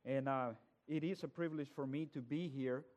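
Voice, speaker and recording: A guest preacher from El Salvador delivers a sermon, building from quiet words up to loud emphasis. His mid-range voice keeps a fairly even intonation at normal speed, and the highs are cut off.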